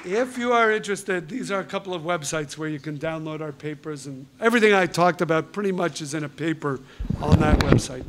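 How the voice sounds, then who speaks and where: High-voiced man giving a storytelling lecture. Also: a little fast, a little hiss or hum. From New York, USA. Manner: storytelling, acting out dialogue with humor. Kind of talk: university lecture. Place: lecture hall.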